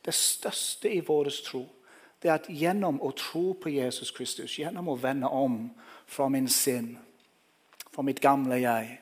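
A man's voice: fairly high pitch, a little mellow. A man preaching a sermon, telling the story vividly and speaking directly to the listeners.

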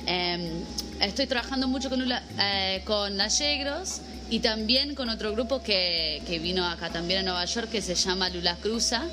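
A woman's voice: medium pitch, moderate pace, background noise. A woman in her twenties from the United States, speaking Spanish with a Buenos Aires accent, easygoing and full of "eh" fillers in an interview. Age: 20s. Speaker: guest, music manager. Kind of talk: casual interview. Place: vegan café.

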